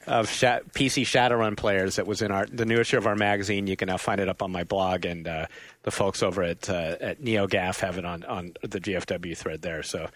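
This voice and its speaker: A man hosting a casual gaming podcast, chatty and quick to laugh. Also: sits low, fairly even intonation, a bit bright, no echo. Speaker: podcast host.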